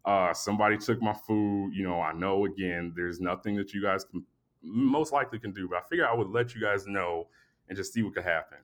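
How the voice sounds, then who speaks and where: A sleepy man hosting a podcast, telling a long story in a casual, animated, profane way and acting out both sides of the exchange. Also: low voice, fairly quick. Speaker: podcast host.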